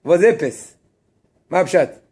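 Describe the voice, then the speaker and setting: A rabbi teaches a religious text class in a somewhat high, slightly rough voice, speaking slowly yet animatedly. He poses his own questions and answers them, emphasizes Hebrew terms, and tosses casual asides to his students.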